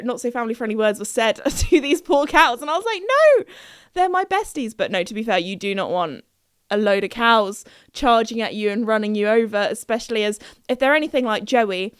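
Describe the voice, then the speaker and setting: A woman's voice: on the high side, smooth, no echo, clean studio sound. Bubbly young woman, podcast host. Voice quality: bubbly, chatty, laughs often. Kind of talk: casual chat.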